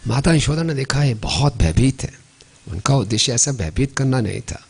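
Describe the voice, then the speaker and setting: A man gives a devotional sermon as a story. He speaks at a mid pitch, often checks in with the listeners, and slows down to chant verses. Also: expressive, slightly rough. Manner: chants Sanskrit verses slowly, adds tag questions. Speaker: devotional preacher.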